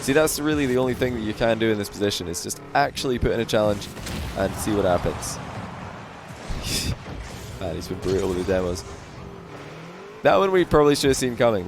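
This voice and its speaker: A man giving relaxed, casual coaching commentary on a game replay, with frequent fillers. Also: fairly low pitch. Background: faint lo-fi background music.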